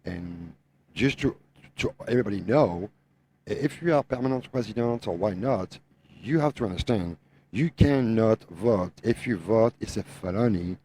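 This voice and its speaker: Low-voiced Frenchman with a French Tennessee accent. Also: expressive, normal speed, darkish tone, a little hiss or hum. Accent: French mixed with Tennessee. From France. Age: middle-aged. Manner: emphatic, repeats phrases, non-native grammar. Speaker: guest truck driver, owner operator. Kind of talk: opinionated podcast talk.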